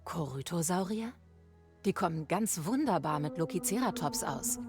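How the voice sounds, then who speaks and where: An earnest female scientist in a game, voiced by an actress, speaks in a slightly low voice. She is exacting and precise, with music clearly behind her. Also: animated, normal speed, natural voice. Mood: instructive. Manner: precise, instructive. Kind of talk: scripted video game character dialogue.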